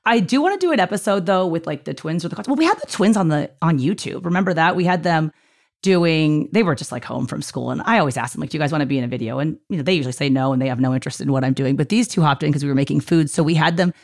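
A woman in her thirties hosting a podcast, talking fast and chatty with frequent laughs. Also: low-pitched, animated. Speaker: podcast host. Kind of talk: casual podcast chat.

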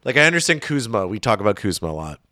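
In a clean studio recording with no room sound, a man co-hosts a sports podcast in a lowish, sharp voice, very animated and racing. He thinks aloud conversationally, full of fillers and restarts.

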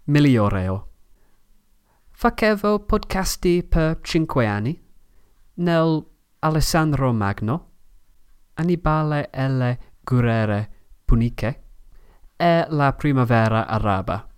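A man from Manchester, a native English speaker with an English accent in Italian, narrating a scripted podcast as host in halting learner's phrasing. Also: medium pitch, animated, smooth. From Manchester, England.

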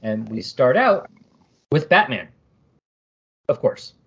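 Husky-voiced man discussing comics. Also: mid-range voice, very animated, slow, fairly bright tone, lo-fi sound. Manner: chatty, reads comic captions aloud. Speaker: podcast co-host. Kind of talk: casual comic book discussion.

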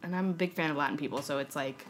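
Talking very fast in a low-pitched voice, this young San Francisco woman appears as a podcast guest and trades giggly stories full of acted-out quotes. She works as a filmmaker and actor, and a crowd can be heard behind her.

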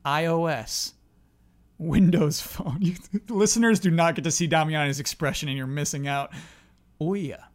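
A man's voice: on the high side, moderate pace. A man chatting casually as the host and quiz reader on a gaming podcast.

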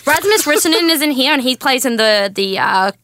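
She sits high in pitch and talks fairly quickly, with a sharp tone and lively intonation. A woman in her twenties with an Australian accent, she guest-hosts a casual podcast, telling stories in a chatty way with many fillers like "like" and "um".

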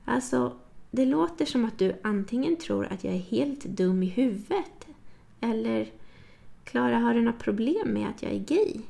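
A woman voicing Sara, a young woman who is earnest and quick to bristle, in an audiobook. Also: fairly high pitch, expressive, creaky, warm tone. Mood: defensive.

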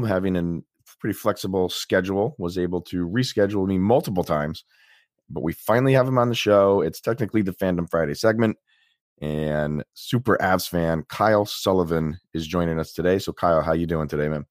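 A man hosting a casual sports podcast, his voice deep and hoarse from a chest cold, speaking haltingly with pauses. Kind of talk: casual solo sports commentary and interviewing.

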